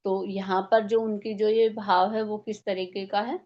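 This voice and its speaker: A woman's voice: medium pitch, level tone, unhurried, darkish tone, dull audio. A woman teaching a devotional scripture class, explaining step by step and posing rhetorical questions.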